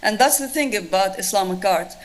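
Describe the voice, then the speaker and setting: A Tunisian-accented woman who lectures on Islamic art answers an audience question thoughtfully, restarting often and using many fillers. Her mid-range voice is animated and brisk.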